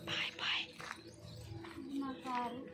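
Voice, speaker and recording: A woman's voice: high voice, little pitch movement, slow, loud music behind the voice. A woman vlogging as she walks through farmland beside a road. She chats as she points things out and often restarts her words. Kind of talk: casual walking tour vlog. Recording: loud outdoor noise.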